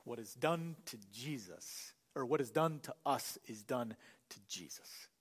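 A man preaching a sermon as pastor, earnest, rising to loud emphasis and falling to a near hush. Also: mid-range voice, animated, unhurried, breathy edge, long reverb tail. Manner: earnest preaching that swells louder and drops to a hush. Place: church sanctuary.

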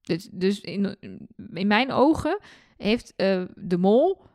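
A woman from Twente, chatting as a podcast co-host and quick to agree. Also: medium pitch, expressive, darkish tone, dry recording, clean studio sound. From Twente, Netherlands. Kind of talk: casual chat.

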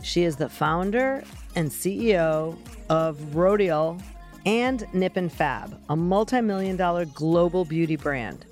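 A middle-aged woman hosting an interview, asking brisk, direct questions. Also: lowish voice, lively intonation, a little mellow, soft background music. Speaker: interview host. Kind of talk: interview, scripted intro.

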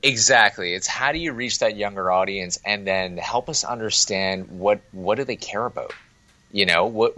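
A young adult marketing agency president from Toronto, Canada, has a deep, bright voice and speaks quickly and chattily with many restarts. It's casual talk in a remote interview from his Toronto office, with no room sound.

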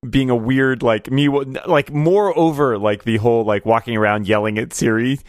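Laughing animated podcast host, a man. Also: medium pitch, moderate pace, no echo, studio quality. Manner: animated storyteller, laughs often. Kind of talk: casual chat.

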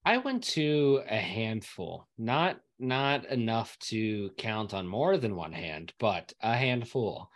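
A man's voice: on the low side, sing-song, slow, few pauses. Stammering young guy, joking around. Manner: stammering, repeats words, jokey. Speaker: podcast co-host. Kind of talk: casual sports chat.

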